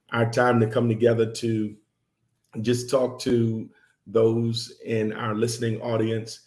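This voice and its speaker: A middle-aged man hosting a casual talk show with his wife, speaking slowly with many fillers and restarts. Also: fairly low pitch, darkish tone, echoey room. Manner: slow, halting, many fillers. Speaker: host.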